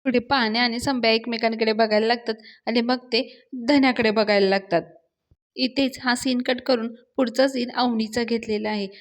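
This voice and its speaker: Brief: woman reviewer retelling a TV episode, slightly high voice. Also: fairly even intonation, normal speed. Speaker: serial reviewer. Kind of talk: TV serial episode recap narration.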